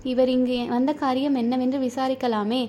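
A woman voicing a poised, cunning young queen in a storybook reading, smooth and persuasive. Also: high voice, flat delivery, normal speed, mellow, slight background noise, close to an everyday voice. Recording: dull lo-fi recording.

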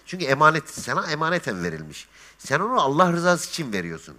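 A man's voice: fairly high pitch, fast talker. A man chatting as a guest on a talk show, telling stories and acting out the dialogue. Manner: lively storyteller, acts out dialogue. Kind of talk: casual chat.

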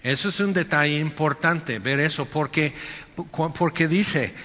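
A man's voice: on the high side, a little slow, sharp tone, big-room sound, lo-fi sound. A male pastor preaching a Sunday sermon in a conversational way, acting out quotes and asides.

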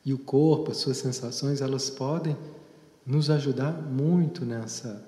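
A man, a psychotherapist, giving an unhurried reflective talk with long pauses and storytelling asides. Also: mid-range voice, dark tone. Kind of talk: reflective talk on therapy and leadership. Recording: echoey hall with long reverb.

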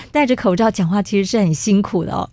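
A Taiwanese woman presents as a radio host, speaking through a face mask that slightly muffles her words. Her tone is mellow and dark, and the studio sound is close and dry. She moves between scripted introduction and interview hosting. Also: mid-range voice, fairly quick, dry recording.

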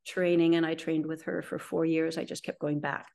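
A woman's voice: low-pitched, level tone, normal speed, vocal fry, a little mellow. A middle-aged woman, a guest in an interview, telling her story in a rambling way with frequent ums and restarts. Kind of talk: conversational storytelling.

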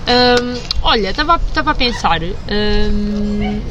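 A woman's voice: mid-range voice, measured pace. A young woman with a European Portuguese accent chatting casually and slangily with friends as a podcast host, recorded outdoors. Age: young adult. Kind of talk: casual chat among friends. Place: outdoors in a busy public spot. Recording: clear outdoor urban noise, traffic.

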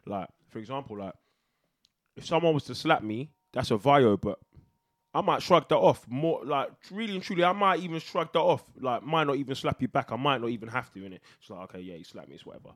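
A man's voice: mid-range voice, expressive, fast, no echo, studio quality. A young man with a London street accent, debating bluntly and casually in heavy slang. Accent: London, urban street. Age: young adult.

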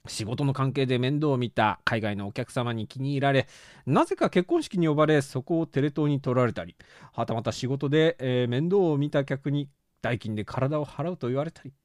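Solo podcast host, male; animated and self-mocking, dry close sound. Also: mid-range voice, moderate pace, no room sound. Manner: animated, self-mocking, laughs often at his own jokes. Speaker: podcast host reading listener letters. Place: small room at home.

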